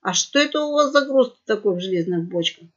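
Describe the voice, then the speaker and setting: A woman's voice: mid-range voice, animated, a little fast, lightly acted. A woman voicing a know-it-all female parrot who gurgles and lectures, on a dull lo-fi recording. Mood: chatty.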